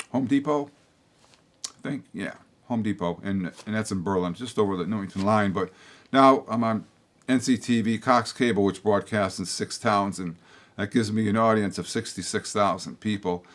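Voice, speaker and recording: Facing the camera, a somewhat low-voiced older man running a local political public-access show rambles bluntly at a moderate speed. He restarts frequently and drifts off on asides, and his voice has a slight hoarseness from a tickle in his throat.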